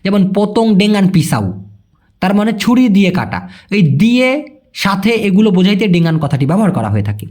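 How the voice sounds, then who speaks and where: Lively high-voiced Bangladeshi man teaching. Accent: Bangladeshi Bengali. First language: Bengali. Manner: chatty, repeats words slowly, calls listeners brother. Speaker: language teacher. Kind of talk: casual spoken lesson.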